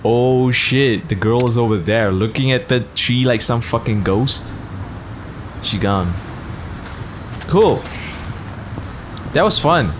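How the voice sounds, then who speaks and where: A man gives casual let's play commentary in slangy, profane language. His pitch is lively and jumps around, and there is clear game noise behind him. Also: takes it slowly, long pauses. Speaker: gaming video host. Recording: noisy game sound behind.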